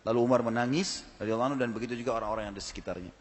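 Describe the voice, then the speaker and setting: A man's voice: mid-range voice, fairly even intonation, very fast, long reverb tail. A man preaching a sermon to a live audience, emphatic and full of rhetorical questions.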